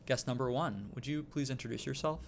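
A man hosting a casual podcast and explaining things in a relaxed way, with frequent ums. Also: mid-range voice, a little fast, slight background noise. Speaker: podcast host. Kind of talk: casual chat.

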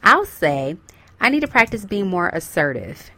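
A young woman on the mend from a cold hosts a chatty self-help session, encouraging her listeners and talking to them directly. Her voice is on the low side, very animated and sharp-toned, at a normal pace with no room sound.

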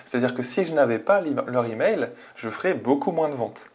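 A man's voice: medium pitch, expressive, fairly quick, a little mellow. A man narrates a screen-share review of a web page. He explains things in a hesitant way, with plenty of fillers and restarts, and he often turns to his viewers to ask them directly. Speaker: online business coach. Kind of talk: screen-share walkthrough commentary.

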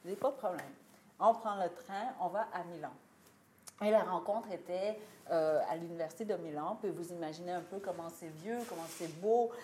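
A woman telling a lively anecdote to an audience, laughing often and acting out what people said. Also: on the low side, moderate pace, a little hiss or hum. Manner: animated storytelling, laughing often, acts out quoted lines. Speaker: guest author telling a story. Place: live talk venue. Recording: roomy live venue, faint ambience.

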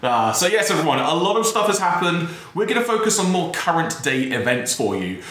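Lively male podcast host in echoey room. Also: fairly high pitch, a little fast. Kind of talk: casual scripted podcast hosting. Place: bare office room with desk and chairs.

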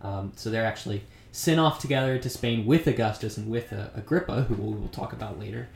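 A man's voice: fairly low pitch, brisk, gravelly, reverberant. A man co-hosting a casual history podcast, explaining things with frequent ums. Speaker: podcast co-host.

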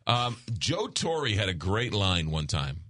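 A man hosting a radio talk show, chatting casually and haltingly, often repeating words as he goes. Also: deep voice, big pitch swings, fairly bright tone. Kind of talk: casual conversational radio chat.

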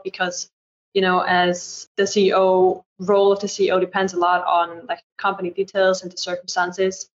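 A woman moderating a panel discussion over a video call, friendly and conversational. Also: on the low side. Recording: dull lo-fi sound.

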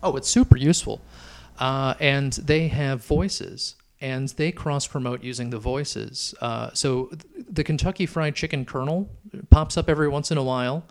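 A man's voice: mid-range voice, moderate pace, creaky. A middle-aged man chatting casually on a podcast, rambling and hesitant, with lots of fillers. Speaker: podcast co-host. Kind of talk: casual chat. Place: Chicago.

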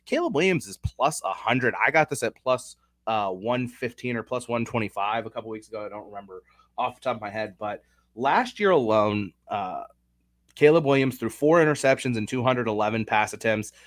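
A man's voice: mid-range voice, lively intonation, brisk, no echo. A young man hosting a casual sports betting chat, talking through stats and odds analytically. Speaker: sports betting podcast host.

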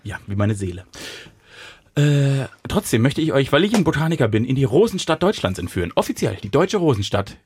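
A man's voice: medium pitch, big pitch swings, brisk, a little mellow, breathy edge. A man co-hosting a podcast in a studio, playful and joking, often tripping over his own words in casual banter. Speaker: podcast co-host.

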